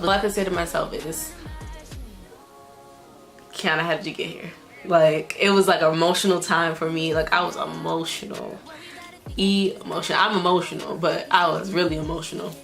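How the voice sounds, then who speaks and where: A woman's voice: fairly low pitch, steady tone, moderate pace, creaky, fairly bright tone, faint music behind. A woman of twenty-one telling her own story in a vlog, candid and rambling, often restarting her sentences. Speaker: vlogger.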